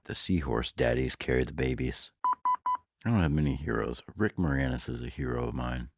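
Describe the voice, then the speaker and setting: A man co-hosting a podcast in casual banter, firing off deadpan wisecracks. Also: a bass voice, fairly quick, gravelly, over loud music. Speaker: podcast co-host. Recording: very noisy recording.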